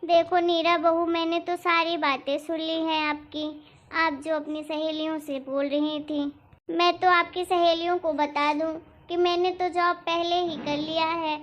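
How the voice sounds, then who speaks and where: A kind, hardworking mother-in-law from a cartoon, voiced by a woman, talking in a gentle, patient, pleading way. The voice sits very high. The recording sounds dull and lo-fi. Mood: firm. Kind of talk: cartoon voice acting.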